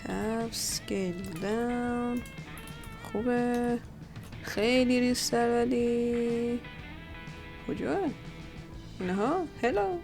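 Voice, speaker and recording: A woman's voice: a little high, steady tone, pauses often, music in the background. A woman who hosts her own channel, giving casual commentary as she works and muttering to herself while trying things out. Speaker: 3D artist and channel host. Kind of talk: casual thinking-aloud commentary while working.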